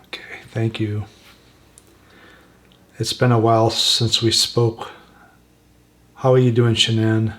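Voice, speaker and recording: A soft-spoken man hosting a spirit box session, asking gentle questions slowly and leaving pauses for an answer. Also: lowish voice, completely flat delivery. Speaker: paranormal investigator, host.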